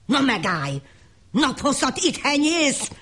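A shrill, scolding farm wife from a radio play. Her very high, bright voice swoops up and down as she berates. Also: sing-song.

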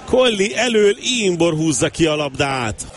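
A man giving excited Hungarian sports commentary on a football match, bursting into shouts at the big moments. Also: fairly high pitch, heavy background noise.

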